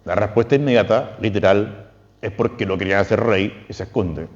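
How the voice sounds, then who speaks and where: Chilean man, priest, lecturing, questioning, long reverb, dull recording. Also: fairly quick. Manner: lively, questioning, quotes texts with emphatic pitch leaps. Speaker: priest giving a talk. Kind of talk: spiritual lecture.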